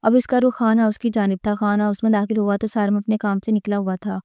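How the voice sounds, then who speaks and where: Woman reading a love story out loud, steady and even, dry close mic. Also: medium pitch, clear, resonant tone, no echo. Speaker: narrator. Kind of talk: scripted narration of a romance novel.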